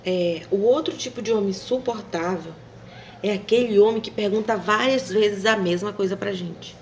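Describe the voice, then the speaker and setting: A woman's voice: mid-range voice, normal speed, slight background noise. A woman talking casually to camera, rambling and hesitant, with many fillers and tag questions. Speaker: vlogger.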